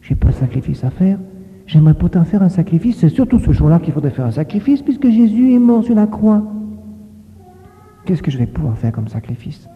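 A man's voice: on the high side, big pitch swings, brisk. A preacher voicing an earnest, pious little boy in a story, in a tinny, echoey recording. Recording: echoey hall on a tinny phone-like line.

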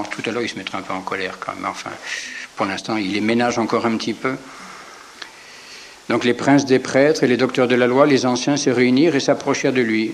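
A man's voice: medium pitch, gravelly, a little hiss or hum. A man preaching in an informal, conversational way, retelling a scripture story with frequent asides and repeated words. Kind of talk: informal sermon retelling the Gospel.

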